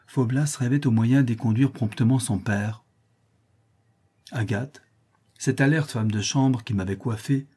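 A male audiobook narrator reading a period novel in the first person, measured and literary. His voice is dark and mellow with a husky grain, and his delivery stays steady and composed. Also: medium pitch.

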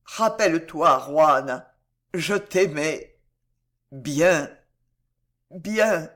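A reader voicing a timid, gentle dwarf man in a storybook who speaks softly and falters, as if dying. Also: a little high, expressive, full character voice. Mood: tender. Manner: soft, slow, faltering. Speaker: storybook character. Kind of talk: dramatic audiobook reading.

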